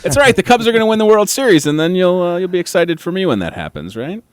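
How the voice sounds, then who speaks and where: A man's voice: high voice, big pitch swings, fast talker, clean tone, dry recording. A man hosting a casual interview, teasing his guest and laughing often. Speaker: host.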